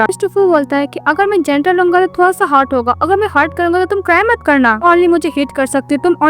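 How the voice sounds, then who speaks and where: Fast high-voiced woman retelling a drama. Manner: fast, high-pitched, loose conversational narration. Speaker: drama recap narrator.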